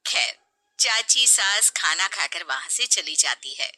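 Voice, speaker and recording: A woman storyteller narrating a scripted tale. Her bright voice is lively in pitch and unhurried in pace.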